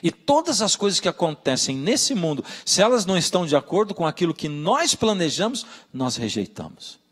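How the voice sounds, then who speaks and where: Man, pastor, sermon, lively intonation, rather high voice, church hall reverb. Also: fairly quick, slightly rough. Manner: storytelling, animated, addresses listeners directly.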